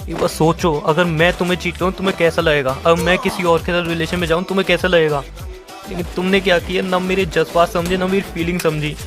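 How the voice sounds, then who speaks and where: Man host, tearful and pleading on a call, higher voice, music bed underneath. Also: little pitch movement, quick pace. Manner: pleading, accusing. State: crying. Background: background music.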